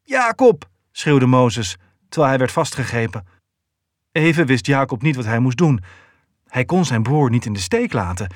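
A man reading a novel aloud in a steady, even storytelling voice. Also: mid-range voice, dry recording, clean studio sound. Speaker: audiobook narrator. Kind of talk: scripted narration.

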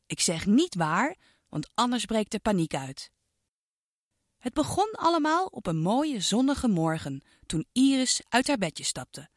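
A woman narrating a children's storybook with an expressive, sing-song delivery aimed at a child listener. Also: fairly high pitch, no echo, studio quality.

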